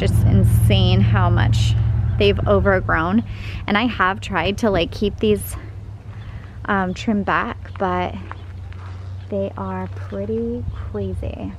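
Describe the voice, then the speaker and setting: A young woman strolls through her backyard garden and talks into a handheld camera, chatty and easygoing. Her delivery is slow and unhurried at a middle pitch. Clear outdoor background noise runs under her voice. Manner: chatty and enthusiastic, pointing things out as she walks. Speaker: home gardener giving a garden tour. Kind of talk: casual garden tour vlog. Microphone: handheld camera, filming while walking.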